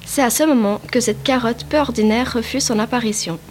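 A woman's voice: fairly high pitch, brisk, noisy background. A woman narrating a picture book aloud, reading carefully with small slips. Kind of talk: storybook read-aloud.

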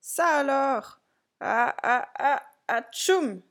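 A cheerful old male circus clown from a storybook, as a woman reader puts him on. He exclaims loudly in a voice pitched well above the narration, bright and excited. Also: extremely slow, heavily acted. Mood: delighted. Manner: exclaiming, raised and higher.

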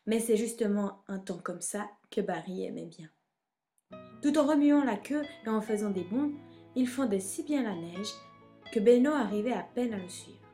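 A woman reading a children's storybook aloud in an expressive, measured way. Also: mid-range voice, faint music behind.

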